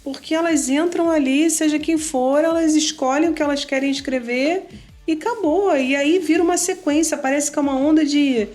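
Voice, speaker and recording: A woman's voice: high-pitched, moderate pace, a little mellow. Woman host musing in a chat, light music faint behind. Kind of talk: casual interview chat.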